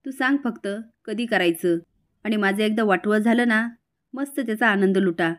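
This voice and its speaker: A woman's voice: mid-range voice, moderate pace, natural voice. A woman voicing a bitter, angry young man who lashes out at his family with sarcastic retorts, in a retold TV serial.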